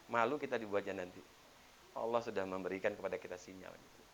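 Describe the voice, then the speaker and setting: A man preaching a sermon as an ustadz, telling stories and acting out the quoted lines with sudden loud bursts. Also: low-pitched, fairly even intonation, quick pace, muffled recording, slight background noise.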